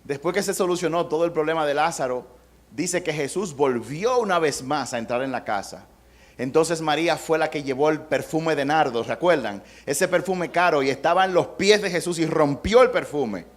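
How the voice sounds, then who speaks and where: A middle-aged pastor delivers a sermon in a conversational, storytelling way, acting out what people say and mixing in humor. His voice sits somewhat high for a man. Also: lively intonation, moderate pace. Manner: conversational preaching with acted-out quotes and humor.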